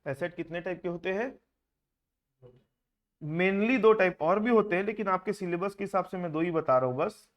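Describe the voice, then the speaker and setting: Brief: male classroom teacher, slightly high voice, questions the students as he explains, English terms mixed into his Hindi. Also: moderate pace. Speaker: accounting teacher. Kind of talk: classroom lecture.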